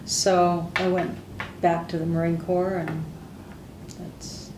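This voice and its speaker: An older woman, a native Hungarian speaker, candidly tells stories from her service in an oral history interview, speaking plainly. Her voice is fairly low and level, and she takes her time; the veteran is recorded from a distance in a noisy setting with roomy echo.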